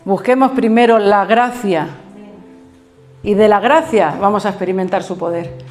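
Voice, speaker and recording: A middle-aged woman pastor with a Spain Spanish accent, preaching a sermon in an animated storytelling way, acting out quotes and laughing as she goes. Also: medium pitch, moderate pace, reverberant, soft background music.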